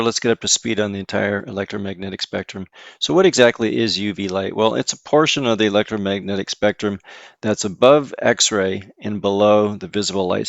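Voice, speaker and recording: A man with a lowish voice and vocal fry, recorded with no room sound, hosts an informal educational video. As a mineral hobbyist educator, he explains and demonstrates in a folksy, conversational way, calling things "this guy."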